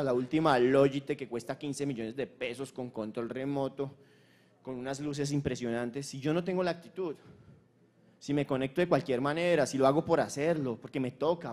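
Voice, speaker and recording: A man's voice: mid-range voice, a little mellow. A Colombian man giving a motivational conference talk from a stage, emphatic and repetitive, with crude slang. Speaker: conference speaker. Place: stage at a launch event.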